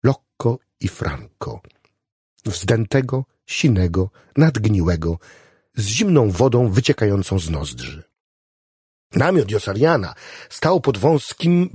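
A man reading an audiobook aloud in an expressive, storytelling manner. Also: mid-range voice, breathy edge, dry recording, studio quality. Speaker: audiobook narrator. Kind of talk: scripted audiobook narration.

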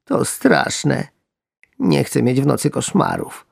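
A man's voice: deep voice, huge pitch swings, a little slow, gravelly, breathy edge, no room sound, studio quality, full character voice. A man voicing a small, greedy and timid female frog. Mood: faint. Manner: eager then faint-voiced.

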